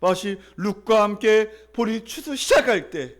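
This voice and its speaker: A man with a notably high-pitched voice delivers a sermon as pastor. He talks in an easy, storytelling manner, stopping often to put questions to the congregation and lead them in reading back lines. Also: expressive, measured pace. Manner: conversational storytelling, quizzes the congregation; leads call-and-response readings.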